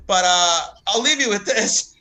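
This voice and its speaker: A man from the American South doing a stand-up set, telling stories fast, laughing and swearing often. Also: sits high, expressive, bright, forceful tone, a little hiss or hum, low-quality recording. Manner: rapid, laughing, swearing storyteller. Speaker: stand-up comic.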